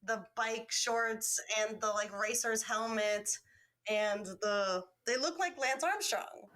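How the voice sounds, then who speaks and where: A woman's voice: a little high, slow pace, fairly bright tone. A woman in her twenties co-hosting a casual podcast, emphatic and dramatic, swearing for effect. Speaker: podcast co-host.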